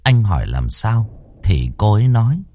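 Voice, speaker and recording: A male storyteller reading a ghost story aloud with dramatic expression. His voice is low and mellow, swinging widely in pitch. The sound is close and dry. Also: very animated, normal speed, no echo, muffled recording.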